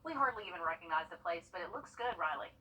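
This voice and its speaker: A woman's voice: on the low side, animated, fast talker, distant mic, noisy background. A woman anchoring local television news in a conversational presenting style.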